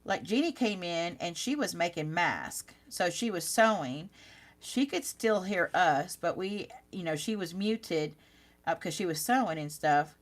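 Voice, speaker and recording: This card-making host speaks low, expressive and unhurried as she demonstrates live. Chatting easily with her audience, she pokes fun at herself and laughs along.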